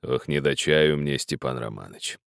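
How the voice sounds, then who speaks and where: A man voicing a pious old peasant miner who speaks slowly and gravely, preaching and pleading in an older man's voice. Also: extremely low pitch, fairly bright tone, dry recording, studio quality, voice pushed down. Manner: slow, grave, moralizing.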